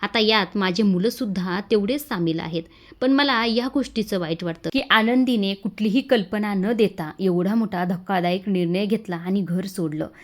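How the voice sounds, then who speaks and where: A woman's voice: medium pitch, normal speed, lightly acted. A woman voicing a worried but commanding male head of a household in a TV serial recap. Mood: resolved. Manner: firm and commanding.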